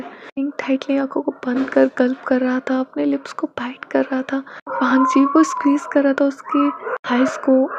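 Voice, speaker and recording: A woman's voice: high-pitched, vocal fry, lo-fi sound, background noise. A woman narrating a romance fan fiction story, reading every character's lines herself and sometimes dropping to a whisper.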